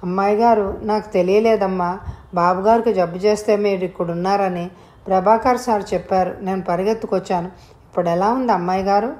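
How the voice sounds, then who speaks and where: A woman's voice: mid-range voice, steady tone, fairly quick, a little mellow, close to an everyday voice. A woman voicing John, an eager male servant who is breathless and pleading as he speaks. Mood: anxious.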